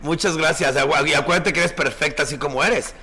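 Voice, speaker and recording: A man's voice: a little high, brisk, sharp tone, slight background noise. A man hosting a live call-in show as a drag performer, campy, affectionate and swearing freely.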